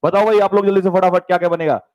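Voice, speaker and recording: With an Indian English accent and a high-pitched, darkish voice of fairly even intonation, a man teaches English spelling in a live online class over dull audio. He spells words letter by letter, reads out students' comments, and keeps urging them to answer fast, calling them "beta" and "bhai".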